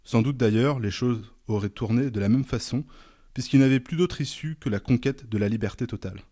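A man reading a novel aloud in a measured, dramatic narration. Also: medium pitch, warm tone. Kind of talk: audiobook narration.

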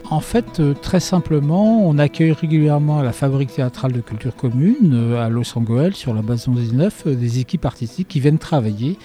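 A man who directs an arts centre, explaining its work in a clear, slightly hesitant way. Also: mid-range voice, brisk, hardly any pauses, mellow, soft background music. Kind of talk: interview answers.

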